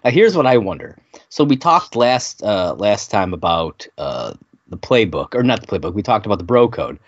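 Easygoing low-voiced podcast co-host. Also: male voice, big pitch swings, moderate pace, dry recording. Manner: easygoing, laughs often, rambling. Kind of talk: casual chat recapping a sitcom episode. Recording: dry, dull lo-fi sound.

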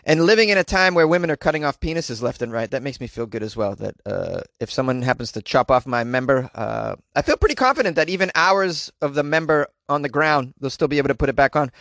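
A man's voice: medium pitch, sing-song, fast talker, creaky, few pauses, fairly bright tone, no echo, studio quality. A man hosting a casual comedy podcast from a small closet, commenting on news in a sarcastic, self-deprecating way. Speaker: podcast host.

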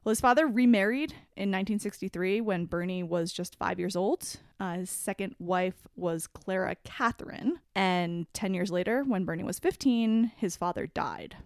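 A woman hosts a podcast in a casual, conversational style. She is a fast talker with a mid-pitched voice, recorded dry without room echo. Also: smooth. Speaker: podcast host. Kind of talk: casual chat and narration from notes.

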